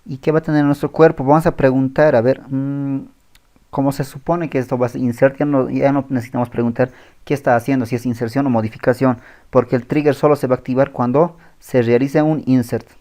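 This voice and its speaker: A man teaching a screen-recorded coding tutorial, thinking aloud as he types, pausing and correcting himself. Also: mid-range voice, level tone, warm tone. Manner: thinks aloud while typing, with pauses and self-corrections. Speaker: programming tutor.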